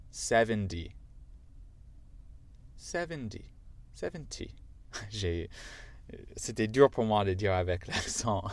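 A low-pitched man, a native English speaker, teaches a French lesson in an American accent. He goes patiently, step by step.

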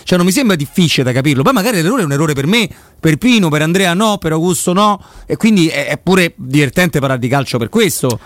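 A man's voice: on the high side, animated, fast talker, hardly any pauses, no echo. A man in a casual football chat making an argumentative, insistent point. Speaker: pundit.

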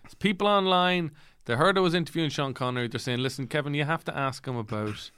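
A young man hosting a comedy podcast, interviewing a guest with a deadpan, teasing manner. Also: fairly high pitch, quick pace, clear, resonant tone, no echo, clean studio sound. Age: young adult. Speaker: podcast host.

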